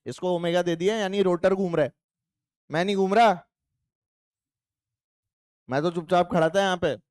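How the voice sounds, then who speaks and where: A man's voice: sits high, a little mellow, clean tone, no room sound, studio quality. A male physics teacher giving a playful, chatty classroom lecture and teasing his students.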